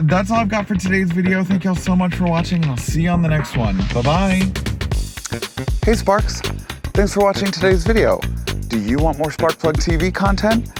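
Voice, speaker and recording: A man hosting a casual car review, talking as he drives a pickup truck, with lots of fillers like "like" and "you know". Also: on the high side. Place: inside a pickup truck while driving. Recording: road and engine noise in a moving truck.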